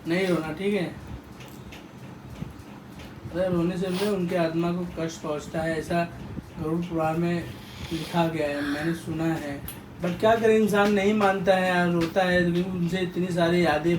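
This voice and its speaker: A man filming a casual family vlog at home on his phone, consoling his family and talking gently to his small child. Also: fairly high pitch, fairly even intonation, normal speed, noisy background. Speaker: vlogger, father. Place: home, indoors. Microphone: handheld phone.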